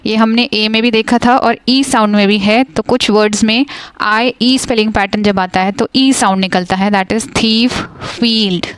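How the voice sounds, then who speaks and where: A woman teaches phonics, moving between quick explanations and slow, drawn-out example words. Her voice is smooth and clear and sits slightly high. The sound is dry and close, with no room around it. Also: steady tone, no echo. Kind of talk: explaining a lesson, mixing Hindi and English.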